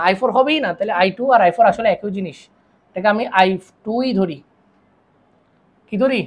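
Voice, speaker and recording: A tired woman lectures a physics class at a quick clip. Her voice sits fairly high, and she keeps firing questions at her students before answering them herself. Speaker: physics teacher. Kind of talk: classroom lecture solving circuit problems.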